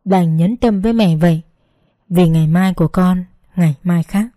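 A woman narrating an emotional first-person story in a slow, gentle, measured reading. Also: lowish voice, no echo. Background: faint background music.

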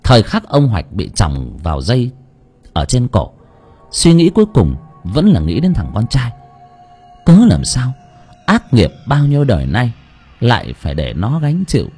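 A man narrating an audiobook story in an expressive way. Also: medium pitch, moderate pace, husky, faint music behind.

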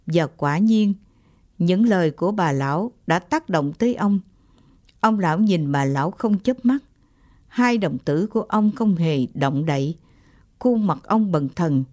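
A woman narrating an audiobook short story in a calm, measured way. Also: lowish voice, no echo.

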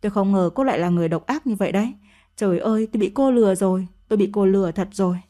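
A woman's voice: medium pitch, rapid-fire, dark tone, natural voice. A woman voicing a harsh scolding mother-in-law. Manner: scolding, accusing.

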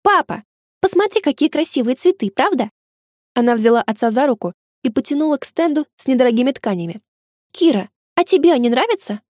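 A woman's voice: sits high, lively intonation, fairly quick, darkish tone, no room sound, clean studio sound. A woman reading an audiobook, voicing a stubborn, candid little girl with a pleading, sulky manner. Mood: eager.

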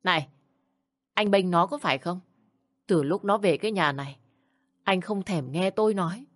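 Woman playing a shrill scolding mother-in-law. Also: moderate pace, fairly bright tone, dry recording, clean studio sound, lightly acted. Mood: ranting. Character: sharp-tongued older mother-in-law, bossy and contemptuous.

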